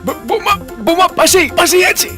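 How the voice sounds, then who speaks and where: A man's voice: extremely high pitch, moderate pace, pushed and bright, soft background music. An actor playing a nervous young man who stammers while pretending to be someone else on the phone.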